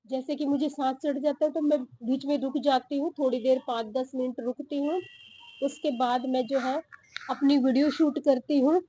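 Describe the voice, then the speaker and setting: A young woman vlogging from her garden, short of breath and talking slowly with pauses. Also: high voice, steady tone, dark tone, slight background noise. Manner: slow, breathy-paced talk with pauses. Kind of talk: casual vlog talk to camera. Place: home garden outdoors.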